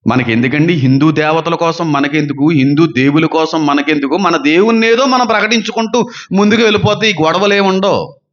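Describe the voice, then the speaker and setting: A man preaching a sermon as a pastor, fervent and full of rhetorical questions, swinging between loud and soft. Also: a little high. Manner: says he talks fast and gives quick counters. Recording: dull lo-fi sound.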